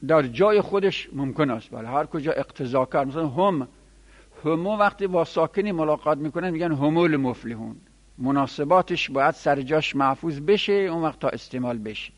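A man with a fairly high voice teaches grammar in a lecture room. He explains and enumerates word forms, lifting his pitch to stress each one. The sound carries a long reverb from the hall. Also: lively intonation. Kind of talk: classroom lecture.

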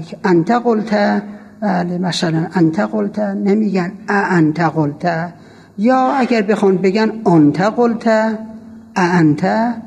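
High gravelly man teaching in a hall. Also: a little mellow. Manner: quizzes students with quick questions and repeats forms for them. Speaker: seminary teacher. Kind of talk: classroom lecture on Arabic grammar. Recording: long reverb from a hall.

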